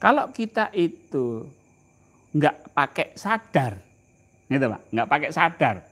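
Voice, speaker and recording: A man with a Javanese accent leads an informal religious study session. His voice sits high and leaps up and down with emphasis. He talks slowly, stretching key words, and turns to his listeners with questions. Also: big pitch swings, a bit bright. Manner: asks the audience questions, drawn-out emphatic phrasing. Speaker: religious teacher. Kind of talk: informal religious lecture to a live group.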